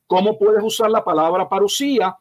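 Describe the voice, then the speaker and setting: A male pastor with a notably high-pitched voice answers questions as a guest expert. He explains in a slow, deliberate way, pausing and restarting, and firmly corrects what he calls false ideas. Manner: emphatic, corrective, measured explanation; slow, deliberate delivery with frequent hesitations. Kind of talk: teaching interview answer.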